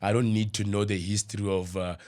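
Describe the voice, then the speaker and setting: A man hosting a podcast, his voice sitting low in pitch. He asks long, searching questions and fills his guest's answers with a steady stream of murmured agreement. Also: brisk. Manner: frequent murmured agreement while guest talks. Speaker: podcast host. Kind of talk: conversational interview.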